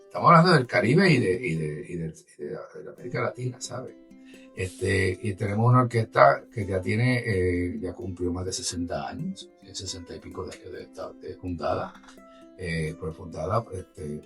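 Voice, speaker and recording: A man's voice: deep voice, animated, normal speed, fairly bright tone, far from the mic, faint music behind. A man with a Puerto Rican Spanish accent talks conversationally as an interview guest, explaining with animation and checking in with his listener. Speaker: orchestra musician and guest.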